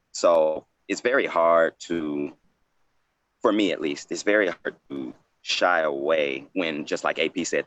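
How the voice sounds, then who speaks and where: Man, extremely low voice, creaky fry, reflective poet, loose rambling panel talk. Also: a bit bright, dry recording, highs cut off. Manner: loose, rambling, frequent "you know".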